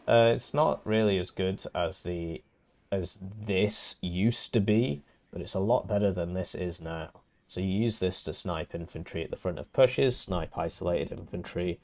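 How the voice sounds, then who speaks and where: A man's voice: sits low, unhurried, a little mellow. A man with a nasal, congested voice, casually casting and explaining a strategy game match from home. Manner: talks through options, casual and wry. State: congested from illness. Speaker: game caster.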